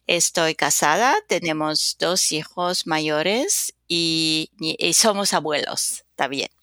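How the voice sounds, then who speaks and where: An older woman with a deep, gravelly voice and a sharp tone speaks slowly and thoughtfully, with many hesitations, as a guest author and consultant on a podcast interview. Her first language is French; she's from North Africa and later Spain. The studio-quality recording has no echo.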